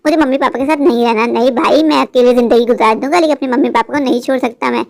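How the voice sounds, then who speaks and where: A woman's voice: high voice, fast talker, vocal fry, darkish tone. A woman doing a breezy young bachelor. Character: cheerful young bachelor friend, devoted son. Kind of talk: cartoon story voice acting.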